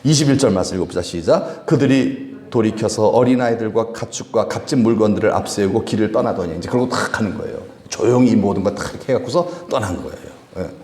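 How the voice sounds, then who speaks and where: A male pastor preaching at a Friday prayer service, animated, acting out the people he quotes and chuckling often. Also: on the low side, quick pace, few pauses, echoey room. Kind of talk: sermon. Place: church sanctuary.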